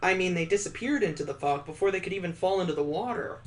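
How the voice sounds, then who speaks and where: Reading a visual novel aloud at a quick pace, a man with a slightly high voice mixes the prose with casual, wry, joking asides. The clip is a let's-play playthrough with ad-libbed commentary.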